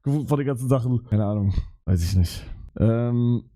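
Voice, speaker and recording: A man's voice: mid-range voice, normal speed, noisy background. A young man streaming live, chatting casually in heavy street slang with swearing, rambling and flustered. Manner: slangy, swearing, repeats "Digga" and "Bruder".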